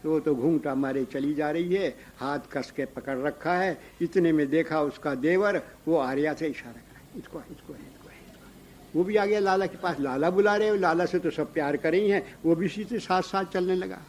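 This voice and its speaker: A man narrating a devotional story in a lively way, breaking in with devotional calls. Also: fairly high pitch, moderate pace, few pauses, a little hiss or hum.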